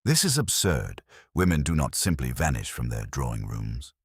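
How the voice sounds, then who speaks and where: A man voicing a gruff, blustering old colonel who barks his words indignantly. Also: a bass voice, wildly swooping pitch, normal speed, dry recording, studio quality, full character voice. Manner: barking, indignant.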